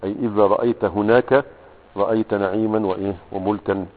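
A man with an Egyptian accent patiently explaining a grammar lesson, posing questions to himself and pausing often to find words. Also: on the low side, fairly even intonation, a little hiss or hum. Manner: patient, explanatory, asks and answers his own questions, frequent hesitations. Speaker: teacher of Arabic grammar. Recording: tinny radio broadcast with long reverb.

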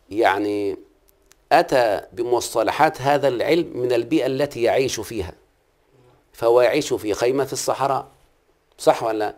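A man's voice: mid-range voice, darkish tone. A middle-aged man with an Egyptian Arabic accent, teaching a class and patiently quizzing the students, repeating key terms. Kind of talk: classroom lesson on Arabic prosody.

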